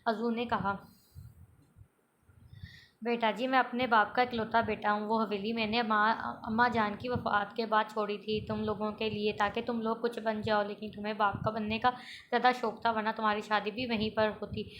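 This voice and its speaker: A woman's voice: medium pitch, little pitch movement, normal speed, a bit bright, lo-fi sound, slight background noise. A woman reading a romantic novel aloud, voicing all the characters in her own voice with small stumbles and restarts. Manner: reads every character in a mostly plain voice, with small stumbles and restarts. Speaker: novel reader.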